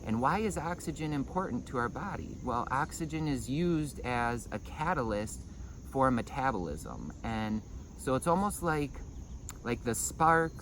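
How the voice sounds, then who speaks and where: A man's voice: medium pitch, expressive, unhurried, a bit bright, a little hiss or hum. A man giving an informal breathing and meditation lesson, explaining in hesitant phrases with repeated words. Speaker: breathing meditation and Qigong instructor.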